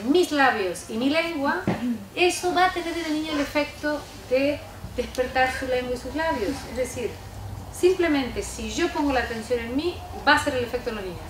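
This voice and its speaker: A woman leads a lecture workshop, explaining her points step by step and pausing to check in with the room. Her voice sits fairly high for a woman. It comes from far off the microphone in an echoey hall, with steady background noise. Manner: instructive, often checks in with listeners with a short question tag. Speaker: speaker giving a talk on how adults speak to children. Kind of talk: workshop lecture with spoken demonstrations. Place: lecture room with a live audience.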